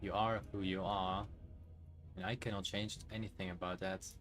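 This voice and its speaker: A man's voice: low voice, normal speed, soft background music. A man from the Netherlands with a Dutch accent, chatting casually and rambling while he streams a game. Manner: relaxed, rambling, self-correcting.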